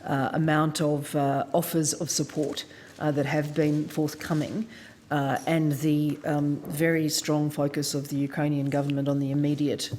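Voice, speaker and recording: A woman official speaks to a committee in a relaxed, easygoing way. Her voice sits low, with faint ambient noise behind it. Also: normal speed. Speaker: department official. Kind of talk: formal testimony.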